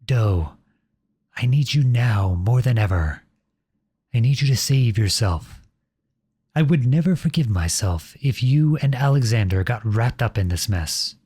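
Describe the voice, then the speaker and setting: In an earnest, dramatic ASMR audio roleplay, a man voices an outlawed young prince who is protective, noble, and devoted to his beloved, speaking directly to unseen listeners with a pleading mood. His soft, husky, mid-range voice is animated but measured in pace, captured close on a dry studio-style microphone with no echo.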